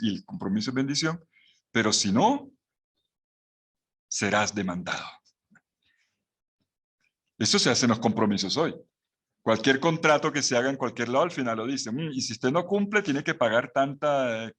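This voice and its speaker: A man's voice: mid-range voice, fairly bright tone, breathy edge. A man giving a Bible course lecture with a Latin American Spanish accent, explaining patiently with rhetorical questions and restarts. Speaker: Bible teacher.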